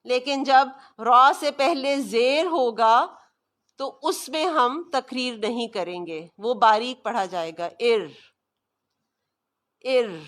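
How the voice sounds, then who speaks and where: A fairly high-voiced woman with a Pakistani Urdu accent gives a recorded recitation lesson. She explains each rule in a teacherly way, then draws the sounds out slowly so students can repeat after her. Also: animated, a bit bright.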